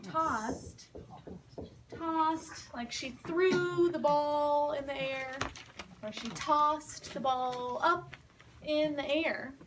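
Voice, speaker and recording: Brief: patient woman teacher, high voice, very slow pace, mic set back with a faint hiss. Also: far from the mic. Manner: patient, repeats and explains words. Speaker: English teacher telling a story. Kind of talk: slow story retelling with word explanations.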